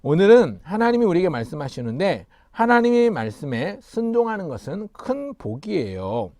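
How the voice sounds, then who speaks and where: A man gives a children's sermon, leading call-and-response and asking the little ones questions. His voice sits fairly high and swings through a wide, animated range. The sound is close and dry. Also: normal speed, no room sound. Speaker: pastor.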